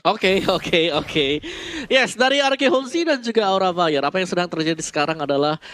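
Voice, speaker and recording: A man's voice: high voice, expressive, normal speed, a bit bright. A man with an Indonesian accent giving analysis and play-by-play commentary on an esports match.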